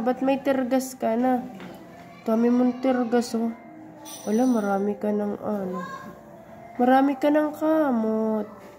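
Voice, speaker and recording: A woman's voice: fairly high pitch, warm tone. A woman vlogging casually and cooing in baby talk to a small pet dog. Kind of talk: casual vlog chat.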